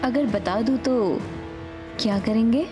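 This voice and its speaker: A sly android assistant, voiced by a woman, coy and mocking, drawing her slightly high lines out slowly and teasingly, over faint music. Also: in a large hall, lightly acted.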